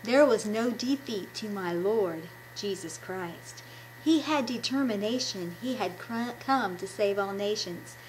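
A woman in her fifties, a children's ministry puppet presenter, gives an enthusiastic devotional talk to kids from a small room at home. Her voice sits at medium pitch and moves a little slowly. The webcam at arm's length picks up slight background noise, and the audio is poor.

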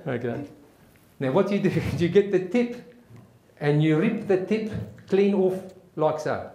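A gruff South African army sergeant barks his survival lesson at new troops, as a man puts him on for a joke. The voice sits fairly high and the delivery is clipped and commanding. It rings in an echoey room. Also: animated, a little slow, warm tone. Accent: South African (put on). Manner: barking drill-sergeant commands.

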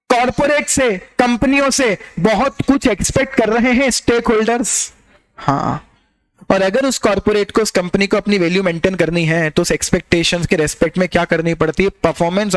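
High-voiced man teasing his students. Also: moderate pace. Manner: teasing, fires rhetorical questions at students. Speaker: exam-prep teacher. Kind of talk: lively classroom lecture.

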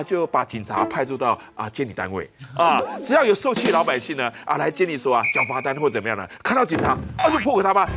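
An actor playing a blustering, self-important middle-aged politician in a comedy sketch, with a Taiwanese Mandarin accent, bombastic and forever asking "right?". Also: male voice, mid-range voice, natural voice. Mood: mocking. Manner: bombastic, keeps asking "right?", drawn-out exclamations. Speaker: satirical politician character. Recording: loud music underneath.

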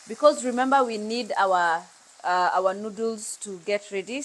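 Slow-talking Kenyan woman cooking at home. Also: mid-range voice, fairly bright tone. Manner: chatty, mixing English with Swahili phrases. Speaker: cooking show host. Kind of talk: casual cooking demonstration. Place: bright home kitchen, indoors.

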